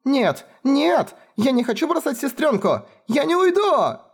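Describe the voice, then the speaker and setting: A man voicing the youngest little sister, a tearful and desperate girl who cries out in shrill sobs. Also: sing-song, unhurried, husky, full character voice. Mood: wailing.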